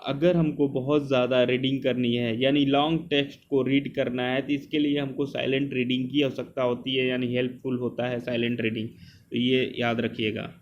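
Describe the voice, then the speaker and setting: A man teaches an exam coaching lesson, drilling terms by saying them again and again. His voice sits at a mid pitch. The recording is slightly dull and lo-fi, with a faint hiss underneath. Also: flat delivery, moderate pace.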